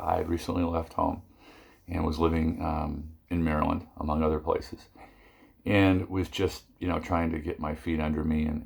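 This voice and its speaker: A man's voice: extremely low pitch, vocal fry, slightly rough. An older man telling a rambling personal story in a casual vlog, with many fillers and asides.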